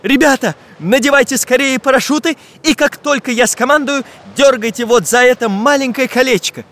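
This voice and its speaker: A brisk, commanding storybook craftsman made of iron, acted by a male narrator. He gives quick orders in a raised, energetic voice. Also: very high voice, voice pushed up. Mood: urgent.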